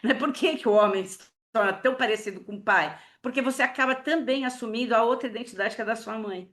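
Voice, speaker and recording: A woman's voice: a little high, quick pace, fairly bright tone. Chatty woman teaching over a call. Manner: chatty, lots of fillers, acts out quoted dialogue. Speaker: family therapist teaching a workshop. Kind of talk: conversational online lecture with case stories.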